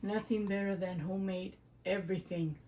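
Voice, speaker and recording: A woman's voice: medium pitch, fairly even intonation, normal speed, background noise. A woman hosting a casual cooking vlog, chatty and affectionate with her viewers, humming as she tastes the food. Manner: chatty, affectionate, addresses viewers as "you guys" and "my doves"; savors food aloud with hums while eating. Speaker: cooking channel host.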